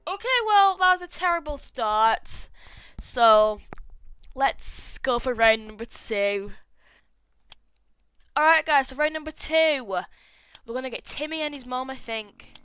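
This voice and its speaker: Bright, flustered woman gaming YouTuber. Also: sits high, slow, long pauses, clean tone, no echo. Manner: excitable, flustered, panicky exclamations. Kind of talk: let's play commentary.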